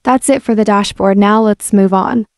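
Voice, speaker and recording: A woman with a medium-pitched voice gives a relaxed, friendly, step-by-step voice-over walkthrough of an app at a moderate pace, presenting a casual screen-recorded software demo. Recorded on a voice-over mic, it has studio quality with no echo.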